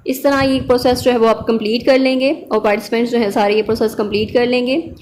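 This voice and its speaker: Brief: woman tutor, slightly high voice, patient walkthrough with many "okay" check-ins. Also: steady tone, fast talker, a little mellow, a little hiss or hum. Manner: mixes English terms into her speech. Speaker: online tutor. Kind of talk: explanatory lecture on a lab practical.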